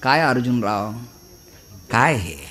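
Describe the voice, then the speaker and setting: A male preacher voicing a calm, gently teasing divine lord in a comic story. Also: medium pitch, slow pace, slight background noise, voice pushed down. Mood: wry.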